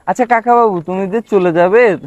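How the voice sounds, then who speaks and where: A man talking gently and playfully with his young nephew during a bike ride outdoors. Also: high voice, moderate pace, no echo. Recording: dull lo-fi outdoor sound.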